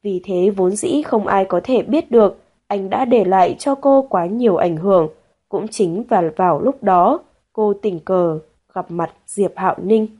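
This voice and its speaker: A woman narrating a romance novel as an audiobook, in a steady, measured storytelling manner. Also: mid-range voice.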